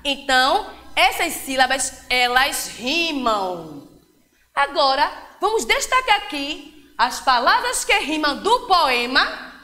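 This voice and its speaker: Sing-song woman teacher, slow and bright. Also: high-pitched, very animated. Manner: slow, drawn-out, sing-song delivery for young children. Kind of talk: children's reading lesson. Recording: echoey roomy hall.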